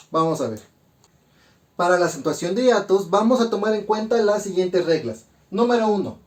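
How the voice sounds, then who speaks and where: Man, high voice, grammar teacher, methodical, syllable by syllable. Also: a little mellow. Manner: methodical, spells out syllables slowly. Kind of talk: grammar lesson.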